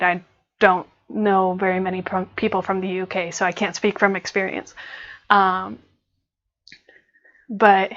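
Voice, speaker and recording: A woman's voice: medium pitch, a bit bright, muffled recording. Chatty American woman teaching grammar. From United States. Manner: casual, chatty explaining with many fillers. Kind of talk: online grammar lesson.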